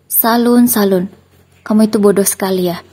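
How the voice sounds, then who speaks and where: A woman's voice: medium pitch, steady tone, normal speed, dark tone, slightly rough, close to an everyday voice. Woman playing a coldly furious betrayed husband. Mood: stern. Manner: stern, threatening. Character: betrayed husband, cold and angry.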